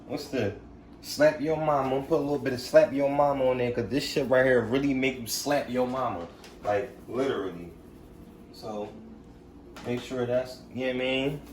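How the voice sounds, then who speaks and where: A man's voice: medium pitch, reverberant, recorded from a distance, slight background noise. Laid-back young man chatting while cooking. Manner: laid-back, slangy, keeps asking "you feel me?". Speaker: vlogger cooking for his family. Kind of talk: casual cooking vlog chat. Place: home kitchen, indoors.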